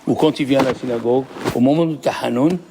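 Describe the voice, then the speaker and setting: Rabbi teaching a lively class. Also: male voice, mid-range voice, quick pace, background noise. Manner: asks the class questions, explains patiently. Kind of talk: lively Torah lesson.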